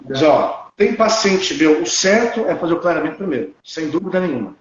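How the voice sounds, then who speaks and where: Brazilian male dentist, 30s, high and opinionated, echoey lo-fi room. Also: fairly quick. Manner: animated, opinionated, blunt. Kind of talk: casual conversation.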